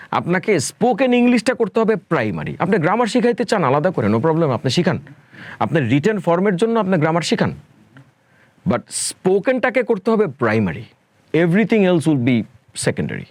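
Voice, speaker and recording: A man from Bangladesh, a spoken English educator, responds to interview questions with emphasis, slipping English phrases into what he says. His voice is a little high, with no room sound.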